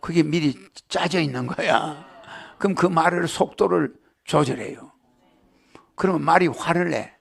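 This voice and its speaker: Gravelly high-voiced man lecturing a crowd. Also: a little slow, a bit bright. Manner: rambling, asks the crowd rhetorical questions; jokes and laughs with the audience. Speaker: spiritual lecturer. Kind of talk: lecture to a live audience.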